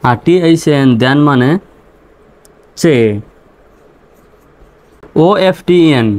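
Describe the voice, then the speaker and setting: A man gives a slow, unhurried English vocabulary lesson. He spells each word letter by letter and then repeats its meaning patiently. His voice sits at a middle pitch. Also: darkish tone. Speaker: English teacher.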